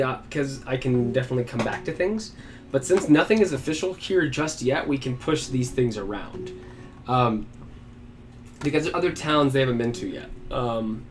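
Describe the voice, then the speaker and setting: Man musing aloud over guitar music. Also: medium pitch. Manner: rambling, talks to himself with many fillers. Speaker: game master. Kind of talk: casual solo stream prep, thinking aloud.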